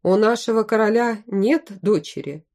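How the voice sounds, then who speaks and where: A woman's voice: mid-range voice, moderate pace, close to an everyday voice. Woman voicing a young bearded craftsman. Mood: bewildered. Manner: warm hospitable greetings.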